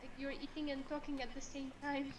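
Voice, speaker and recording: A woman with a fairly high voice, chatting casually with a stranger over video. She speaks bluntly and directly, without softening her words. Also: flat delivery, fairly quick. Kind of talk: casual chat.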